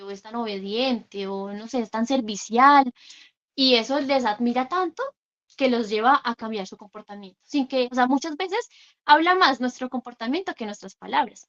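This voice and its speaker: A woman's voice: sits high, highs cut off. A woman psychologist giving an earnest workshop talk to parents, checking in with her listeners often.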